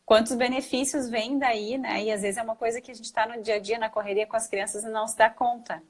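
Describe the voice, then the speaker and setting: A woman's voice: a little high, fairly even intonation, fast talker. A woman hosting a live stream over a video call, chatting casually and enthusiastically affirming her guest. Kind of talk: casual chat.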